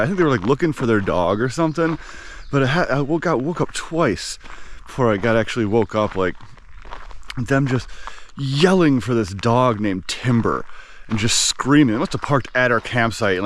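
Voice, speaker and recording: A man hosting a camping vlog outdoors, talking casually to camera in a playful, rambling way and often repeating his phrases. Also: lowish voice. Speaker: outdoor camping vlogger and host. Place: outdoors at a forest campsite. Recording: clear outdoor background noise.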